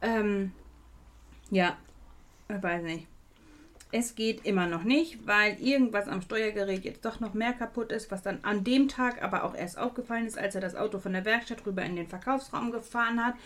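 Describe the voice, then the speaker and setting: A woman's voice: mid-range voice, normal speed. Blunt, swearing woman ranting in chat. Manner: blunt, swears freely, gets worked up when ranting. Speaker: podcast co-host. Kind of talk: casual chat.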